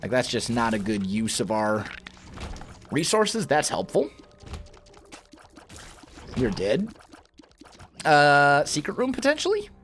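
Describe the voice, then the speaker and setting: A man's voice: on the high side, wildly swooping pitch, slow pace, pauses often, fairly bright tone, slight background noise. A man with a groggy morning voice, chatting casually and thinking aloud as he plays a video game, often correcting himself mid-sentence. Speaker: let's play host. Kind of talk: casual gameplay commentary.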